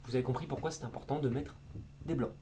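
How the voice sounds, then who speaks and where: A man with a mellow, warm voice walks through speaking advice in a relaxed, informal way. He talks with plenty of expression and now and then drops a crude word. A faint hum sits behind him. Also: medium pitch, fast talker. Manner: lively, demonstrates voices and tones as he explains; informal, occasional crude slang. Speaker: video creator giving speaking tips. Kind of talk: casual explainer video.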